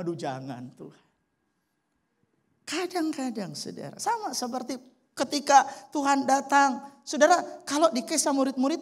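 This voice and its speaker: A pastor preaching a sermon and telling a story with animation, often addressing the congregation directly. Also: medium pitch. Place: church service.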